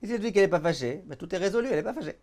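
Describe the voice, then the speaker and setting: Animated rabbi teaching a lesson. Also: male voice, sits high, very fast. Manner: animated storyteller, acts out dialogues; addresses the audience directly. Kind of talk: Torah lesson.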